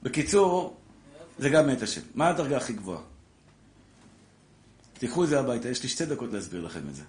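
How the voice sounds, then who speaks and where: A man, a rabbi, giving an impassioned Torah class to a live audience, calling listeners brother and building to loud exhortation. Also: mid-range voice, big pitch swings. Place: lecture room with a live audience. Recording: echoey room with faint background noise.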